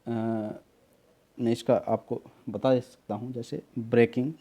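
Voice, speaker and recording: A male tutor who speaks very slowly, in a mellow, dark tone. He explains each word patiently, repeats it, and spells it out one letter at a time. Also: mid-range voice, steady tone, husky. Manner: addresses students as beta. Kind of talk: slow spelling lesson.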